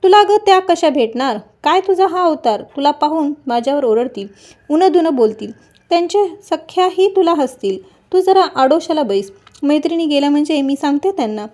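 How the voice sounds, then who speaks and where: A woman voicing a young palace maid who questions an old beggar with a string of quick questions. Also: lively intonation, darkish tone. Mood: dismissive. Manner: rapid questioning, raised pitch.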